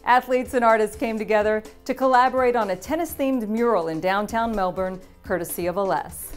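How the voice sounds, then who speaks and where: A woman's voice: medium pitch, a little fast, over music. A woman presenting a scripted sports news roundup, upbeat and polished, with light quips between items.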